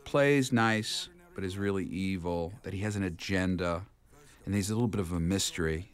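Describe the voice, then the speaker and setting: A man's voice: low-pitched, moderate pace, clean tone. A man from New Jersey, a voice actor, talking playfully in an interview. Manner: playful, jumps into funny voices. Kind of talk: joking interview.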